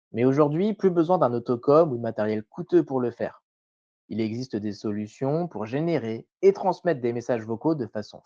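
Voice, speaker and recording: A man presenting a scripted tutorial voice-over in a measured, didactic way, carefully enunciated. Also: mid-range voice, mellow, dry recording, dull audio.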